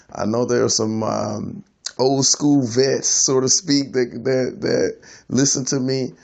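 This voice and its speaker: A man who works as a freelance IT consultant, sharing his story in a reflective monologue, halting and repeating words as he goes. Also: mid-range voice, creaky.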